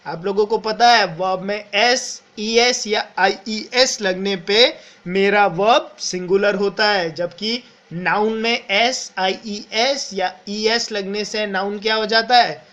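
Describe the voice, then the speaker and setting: High-voiced Indian grammar teacher, slow. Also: male voice, a bit bright, poor audio. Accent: Indian English. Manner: explains step by step, keeps checking with "clear?". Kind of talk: exam-prep grammar lesson.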